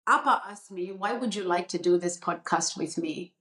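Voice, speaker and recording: A middle-aged woman from India hosting a podcast, speaking in a measured, earnest way and setting out her points in short phrases. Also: on the low side, a bit bright, reverberant, low-quality recording. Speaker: podcast host. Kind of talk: reflective podcast talk.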